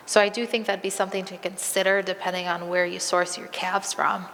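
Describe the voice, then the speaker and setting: A woman veterinarian answers audience questions during a live Q&A in a large hall, speaking in a practical, conversational way with many "um" fillers. Her voice is on the low side and fairly bright, with a gravelly, fry-filled edge, and it sounds a little strained, as though she's losing it. A long reverb and a faint hiss of room noise carry through the recording.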